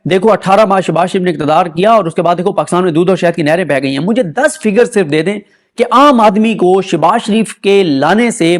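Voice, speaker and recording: A man delivers a political commentary monologue with a noticeably high-pitched voice. He argues his point with sarcasm and keeps pressing rhetorical questions.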